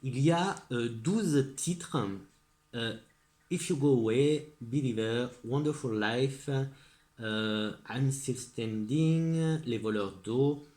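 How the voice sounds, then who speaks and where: A man with a French accent talks casually to his viewers, stumbling through fillers and restarts. He turns eager when he praises things he likes, and his voice sits at an ordinary middle pitch. The room around him is echoey. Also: slow pace, darkish tone. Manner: hesitant, full of fillers and restarts; enthusiastic, repeats praise. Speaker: vlogger presenting gift ideas. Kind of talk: casual chat to camera.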